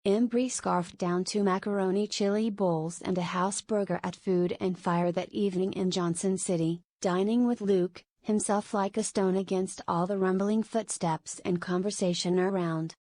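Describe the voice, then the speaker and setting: A woman narrating a novel as an audiobook in a steady, even reading. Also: medium pitch, normal speed, few pauses, no room sound. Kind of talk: scripted narration.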